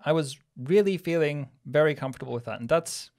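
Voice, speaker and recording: A man's voice: fairly high pitch, brisk, a little mellow. Reflective man on a studio podcast. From Switzerland. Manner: reflective, thinking aloud with many restarts. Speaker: podcast co-host. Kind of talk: casual podcast conversation. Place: small studio room with plant wall. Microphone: studio mic on boom arm, headphones.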